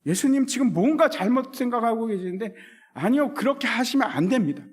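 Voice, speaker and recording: A man's voice: very high-pitched, animated, a little fast, husky, voice pushed up, full character voice. A man acting out the apostle Peter as an adult man, rebuking with insistent pleading. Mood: urgent rebuke.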